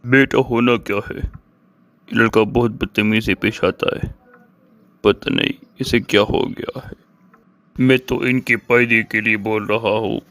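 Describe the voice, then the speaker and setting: Brief: male actor as cranky old grandpa, low gravelly voice, scolding, gullible. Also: steady tone, fairly bright tone. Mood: offended. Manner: scolding, complaining. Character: touchy old grandfather, easily offended, gullible. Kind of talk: comedy skit acting.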